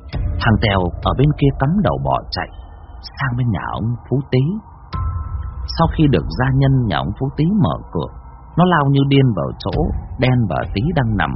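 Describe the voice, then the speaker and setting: A man narrating a horror story in a lively, dramatic way, with a husky voice. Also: medium pitch. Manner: lively expressive telling. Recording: dull dry sound.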